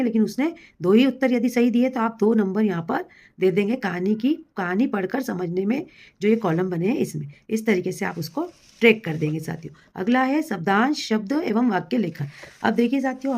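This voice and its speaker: A woman's voice: on the high side, darkish tone. Patient woman teacher explaining assessment. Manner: patient, addresses listeners as colleagues, reads words slowly for dictation. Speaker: primary school teacher. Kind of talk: explanatory lesson to fellow teachers.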